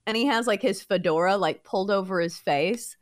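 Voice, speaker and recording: A woman co-hosting a sports betting show, pitching her picks like a confident tipster. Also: brisk.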